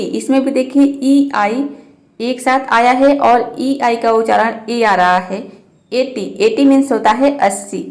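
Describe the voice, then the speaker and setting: A woman with a high voice teaches pronunciation as a patient lesson. She spells out letters, then says each example word slowly, often twice, before explaining its meaning. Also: a little mellow. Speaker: English teacher. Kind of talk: Hindi-language pronunciation lesson.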